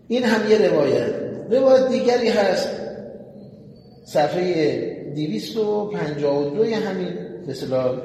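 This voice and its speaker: A man preaching a sermon, retelling a story with animation and calling on his listeners to pay attention. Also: high-pitched. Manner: addresses the audience directly, animated retelling. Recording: echoey hall with long reverb, faint noise.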